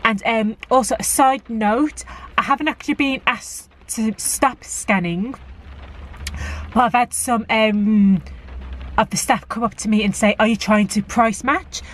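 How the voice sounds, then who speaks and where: Woman, casual vlog, chatty tip-giver, fairly high voice. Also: unhurried. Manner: chatty, practical tip-giving with fillers. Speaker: vlogger. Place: car park outside a shop, rainy.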